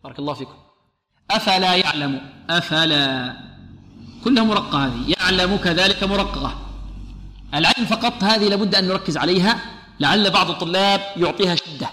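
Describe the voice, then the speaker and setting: A man leads a Quran recitation lesson in a bright, forceful voice, a little higher than most men. He poses questions, answers them, and repeats letters and verses slowly to show how they sound. The room around him rings with echo. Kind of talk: tajweed lesson with recited demonstrations.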